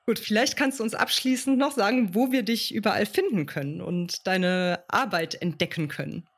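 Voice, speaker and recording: A woman hosting a podcast interview, talking in a relaxed way with light "äh" fillers and frequent affirming "ja" and "mhm". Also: medium pitch, moderate pace. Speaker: podcast host. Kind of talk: conversational interview.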